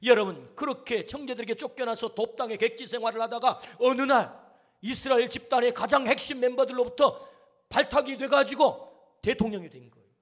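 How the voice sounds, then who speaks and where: A man's voice: extremely high pitch, fairly quick. A male pastor preaching a sermon, emphatic, firing rhetorical questions and calling for amens.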